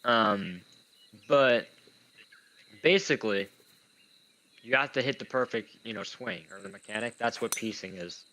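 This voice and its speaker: This gamer, a young man, narrates his own play in a relaxed, self-deprecating, rambling way, and a speech impediment turns his r sounds into w. He talks a little slowly in a lowish voice with a sharp tone, pausing often.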